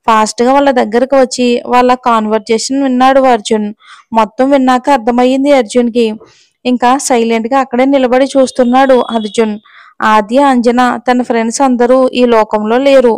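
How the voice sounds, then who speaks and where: A woman storyteller reads a romance novel in a steady, even narration. Her voice sits a little high. The recording is close and dry, with no room sound. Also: no echo.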